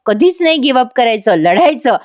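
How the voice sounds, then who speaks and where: A woman's voice: a little high, sing-song, fairly quick, no echo, studio quality. A woman doing an eager clueless man. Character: cheerful clueless grown man puzzling over song lyrics.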